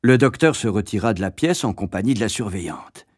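A man narrating a memoir as an audiobook, with expressive, lively storytelling. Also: fairly low pitch, a little fast, slightly rough, dry recording, studio quality.

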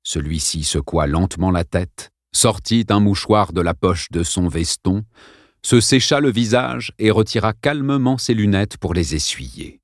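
A man's voice: fairly low pitch, a little slow, dry recording, clean studio sound. A man narrating an audiobook in a dramatic, suspenseful reading style.

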